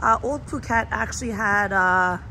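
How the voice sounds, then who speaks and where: A travel vlogger live-streams a nighttime walk along a town street, phone in hand, her mid-range voice raspy and hoarse from a sore throat at a normal pace. She greets viewers and chats in a rambling way over street and traffic noise.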